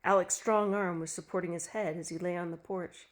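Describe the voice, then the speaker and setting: A woman narrating a dark short story in a steady storytelling manner. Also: on the low side, a little fast.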